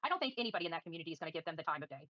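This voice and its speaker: A woman hosting a livestream gives commentary and answers viewers in a combative, defiant, scornful way. Her deep voice is sing-song and very fast, recorded with no echo and the highs cut off.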